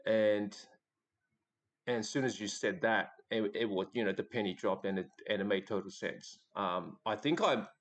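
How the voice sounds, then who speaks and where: A man with an Australian accent hosting a podcast interview, talking in a relaxed, hesitant way with many fillers. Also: on the low side, normal speed. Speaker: podcast host.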